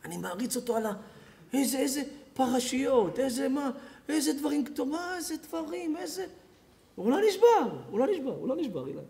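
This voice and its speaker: A rabbi giving a Torah lecture, acting out characters in dialogue and laughing often. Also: male voice, extremely high pitch, sing-song, creaky, mellow. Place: community evening lecture.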